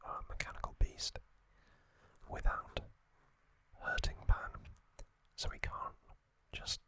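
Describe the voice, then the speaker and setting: In a soft whisper, the host of an ASMR trivia channel takes his time through a relaxed, informal explainer, keeping his voice hushed.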